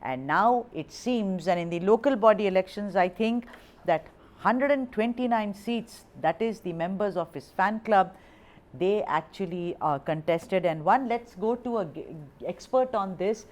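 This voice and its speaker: A woman's voice: mid-range voice, lively intonation, unhurried, a little mellow. Woman anchoring a news discussion. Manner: conversational, emphatic, interjecting.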